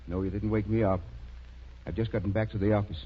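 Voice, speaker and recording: Husky, fatherly old-time radio country doctor. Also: on the low side, fairly even intonation, a little fast. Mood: warm, businesslike. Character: kindly older small-town doctor, gently reproving. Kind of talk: 1930s radio drama acting. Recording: muffled 1930s radio recording.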